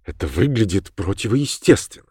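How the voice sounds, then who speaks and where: A man reading an audiobook, voicing a fussy, gushing middle-aged society lady with a shrill, theatrical manner. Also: big pitch swings, moderate pace, a little mellow, slightly rough, no room sound, clean studio sound, exaggerated voice. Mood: uneasy. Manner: shrill, theatrical, baby-talks her dog.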